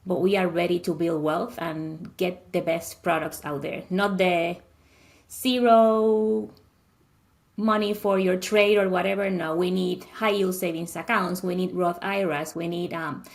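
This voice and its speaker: A woman's voice: lowish voice, steady tone, a little slow. A woman with a Puerto Rican accent, a native Spanish speaker, answering as an interview guest in a direct, emphatic way. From Puerto Rico. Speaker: guest, accountant and money coach.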